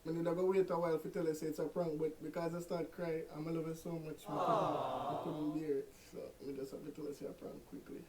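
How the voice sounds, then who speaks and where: A man's voice: a little high, level tone, fast talker, few pauses, crowd noise. A young man with a Jamaican accent, talking casually on a phone call and pleading and coaxing in turns. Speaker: prank vlogger. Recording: roomy echo.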